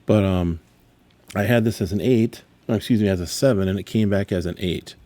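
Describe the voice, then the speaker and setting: A middle-aged man with a low, mellow voice rambles through a casual vlog. He sounds exasperated and keeps correcting himself mid-sentence. The sound is close and dry, with no room around it. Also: brisk, dry recording. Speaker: sports card dealer. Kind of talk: casual card grading reveal vlog.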